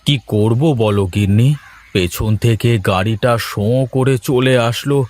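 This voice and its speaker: A man voicing a poor injured husband who speaks gently and apologetically in a cartoon story. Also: mid-range voice, a little slow, close to an everyday voice. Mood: weary. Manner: weary, gentle. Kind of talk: animated cartoon voice acting.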